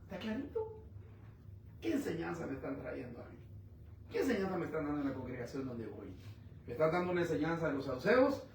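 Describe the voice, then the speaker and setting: Brief: male preacher, high voice, rhetorical questions, loud-to-quiet swings, distant mic. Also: very animated, quick pace, gravelly, pauses often, slight background noise. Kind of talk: sermon. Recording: echoey room, mic at a distance.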